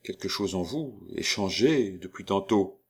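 A man's voice: sits low, lively intonation, measured pace, a little mellow, breathy edge, exaggerated voice. A man voicing an earnest, protective young nobleman with a firm, commanding delivery.

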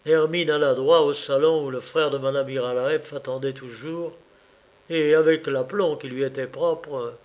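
A man narrating an audiobook in a measured way, with occasional small hesitations. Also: on the high side, fairly even intonation. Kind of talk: audiobook reading.

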